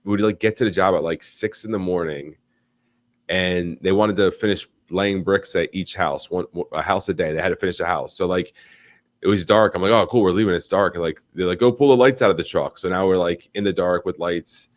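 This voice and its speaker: Animated and rambling, a young American livestream host conducts a casual live online interview, frequently using fillers and starting sentences over. He speaks fairly quickly in a low-sitting voice, and there's no room sound.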